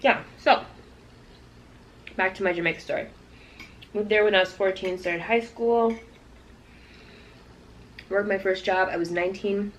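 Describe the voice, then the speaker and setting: A YouTube vlogger from Toronto, Canada, speaks to her viewers directly in a chatty storytime video. Her medium-pitched voice is steady and unhurried with long pauses, and the rough recording carries a slight hiss or hum.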